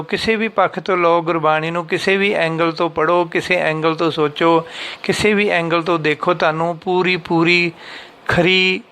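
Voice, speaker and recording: A man gives a patient scripture lesson, explaining meanings and slowly chanting lines to show where the pauses fall. His voice sits a little high for a man. It is smooth and clear. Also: fairly bright tone. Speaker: teacher of scripture recitation.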